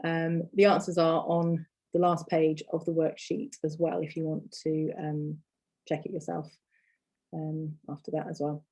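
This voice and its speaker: British woman, lowish voice, patient language teacher who repeats words slowly for learners. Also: little pitch movement, dark tone. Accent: British English. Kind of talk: online language lesson.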